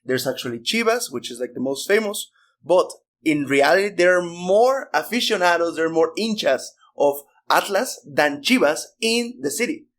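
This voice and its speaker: A man co-hosts a casual podcast chat. His voice runs a little high, and he jumps in with eager, friendly remarks. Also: lively intonation, normal speed, fairly bright tone. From Guadalajara, Mexico. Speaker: podcast co-host.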